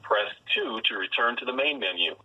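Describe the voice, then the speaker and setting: A man reading recorded phone menu prompts for a court office, spelling out web addresses slowly. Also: mid-range voice, lively intonation, pushed and bright, a little hiss or hum. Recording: dull lo-fi phone line.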